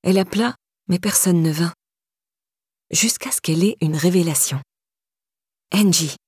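Breathy woman narrating an audiobook. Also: lowish voice, normal speed, darkish tone, no room sound, studio quality. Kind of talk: scripted narration.

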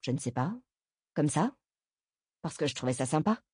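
Woman reading unsure young woman, eager to please, lowish voice, dry sound. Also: animated, moderate pace, a little mellow, husky, no room sound. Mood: confiding. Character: young woman, self-doubting, eager to be liked.

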